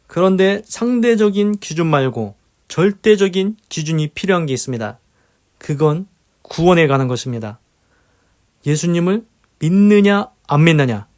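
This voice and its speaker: Earnest higher-voiced man preaching. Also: a little mellow. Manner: earnest, alternates teaching with spoken prayer; emphatic, repeats key phrases. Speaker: preacher leading a daily devotional. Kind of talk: devotional Bible commentary with prayer.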